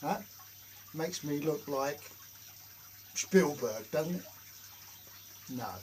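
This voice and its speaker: A man's voice: a little high, extremely slow, slight background noise, rough recording. Chatty man joking in his shed. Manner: jokey, self-mocking storyteller. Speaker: hobby workshop vlogger. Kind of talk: casual rambling chat to camera. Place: home workshop shed.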